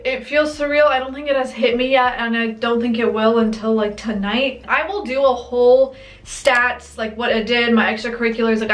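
Chatting to the camera from home, this young adult vlogger keeps things upbeat and casual, leaning heavily on "like" as a filler. Her voice runs on the high side with a slightly bright quality.

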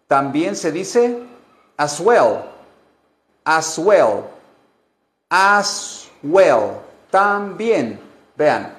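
Male language teacher on a live stream: slow drilling delivery, lots of repetition, echo in the room. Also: on the high side, sing-song, fairly bright tone. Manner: slow, repeats phrases and drills pronunciation. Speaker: English teacher. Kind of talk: bilingual English lesson on a live stream.

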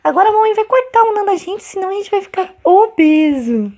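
A woman's voice: extremely high pitch, sing-song, brisk, darkish tone, pitched above the performer's own voice, heavily acted. A woman voicing a cheerful chubby infant boy in squealing, sing-song baby talk with a Brazilian Portuguese accent.

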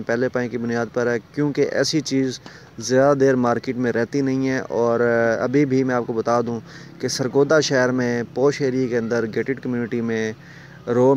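Recorded on a handheld phone camera, a property dealer with a Pakistani Urdu accent walks viewers through a big empty rental house, indoors and on the stairs, salesily pointing features out. His mid-range voice is a little mellow, and the audio is muffled with slight background noise.

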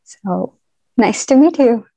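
A young woman introduces herself a little hesitantly on a video call. Her voice is somewhat high. The sound is dry and close. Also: animated, slow pace, vocal fry, mellow, no echo. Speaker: webinar panelist, medical student.

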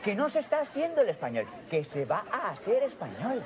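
A man voicing a squeaky, high-voiced little sidekick who cuts in with shrill, mocking remarks. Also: wildly swooping pitch, brisk, background noise. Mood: teasing.

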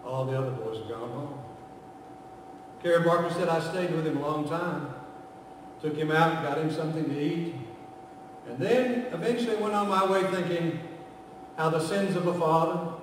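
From a church pulpit, an older man with a Southern American accent, visiting as guest preacher, dramatizes a story sermon, giving quoted figures their own voices and alternating loud and quiet moments. His voice runs a little high; the far-off, echoey recording from a camera and pulpit mic in the medium-sized sanctuary carries a little hiss or hum.

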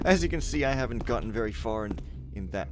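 A man's voice: medium pitch, background noise. A man giving casual, sardonic, rambling commentary as he plays through a video game. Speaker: let's play host. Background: video game sound and music.

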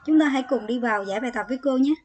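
A woman teacher with a Vietnamese accent and a high voice works through exam exercises. She explains in her first language and reads the English answer words aloud. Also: very fast, a little mellow.

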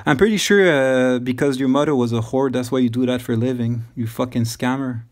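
A man's voice: mid-range voice, brisk, a little mellow. A man hosting a scam-baiting video, taunting a caller with constant swearing and mocking laughs. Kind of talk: profane taunting phone call.

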